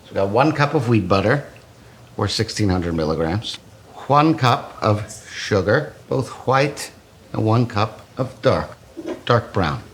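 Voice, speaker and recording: A man's voice: on the low side, lively intonation, a little slow, a little hiss or hum. A man hosting a casual cooking demo, joking and crude as he bakes. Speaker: cooking show host.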